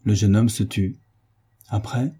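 A man narrating a novel aloud in a measured, even reading. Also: fairly low pitch, breathy edge. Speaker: audiobook narrator.

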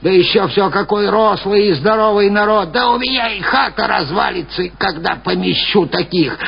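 A man's voice: sits high, creaky, husky, voice pushed up, heavily acted. A man voicing a grumbling, suspicious old peasant woman who scolds querulously, in a dull lo-fi recording.

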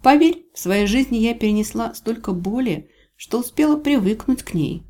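A woman's voice: on the high side, animated, normal speed, dark tone, voice pushed up. A woman reading an audiobook voices a proud, defiant young heroine who shifts into a cat, answering sharply. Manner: defiant, snappish. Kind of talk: audiobook character voice.

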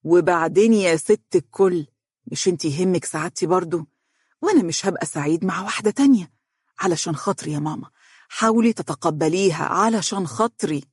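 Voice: mid-range voice, quick pace, a little mellow, slightly rough, no echo, studio quality. A narrator doing a coaxing young Egyptian son. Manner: coaxing, teasing. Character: playful young man, devoted son.

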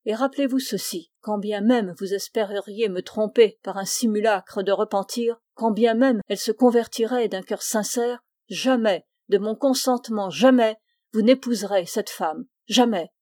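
Femme lisant une mère âgée implacable, ton sec et autoritaire, voix chaude, prise sèche. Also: female voice, mid-range voice, moderate pace, warm tone, no echo, studio quality, lightly acted. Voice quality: cold, commanding. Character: stern devout aristocratic mother, older woman.

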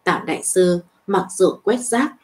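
A woman reading a web novel aloud as narrator, in an even storytelling voice with small lifts for dialogue. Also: lowish voice, moderate pace.

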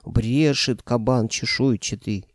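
A man's voice: medium pitch, no room sound, clean studio sound. A man voicing a grumpy old male forest spirit who grumbles and bristles. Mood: indignant. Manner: cranky, grumbling, quick to bristle.

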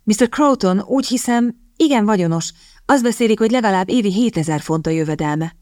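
A woman voicing a timid young lady with a high, girlish voice who stammers and hesitates. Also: lively intonation, darkish tone, dry recording, clean studio sound, natural voice. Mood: bashful.

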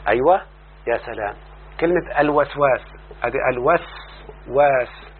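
Patient Egyptian sheikh checking understanding. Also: male voice, on the high side, slightly rough. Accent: Egyptian Arabic. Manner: keeps asking the student if he follows; repeats word forms slowly and drawn out. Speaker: teacher of Arabic morphology. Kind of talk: explaining a classical text to a student. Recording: tinny phone-like line with faint hum.

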